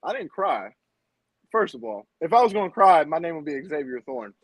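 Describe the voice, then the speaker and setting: Brash high-voiced man trash-talking. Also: sing-song, moderate pace, dry recording, muffled recording. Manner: brash, repeats himself, says bro and y'all. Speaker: indie wrestler, guest. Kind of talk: trash talk on a podcast.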